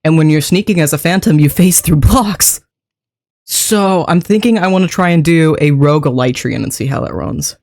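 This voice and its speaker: With a lowered voice from being a little sick, a game streamer rambles casually to live viewers, laughing frequently as they greet and thank them. They speak at a normal speed with a slightly mellow quality.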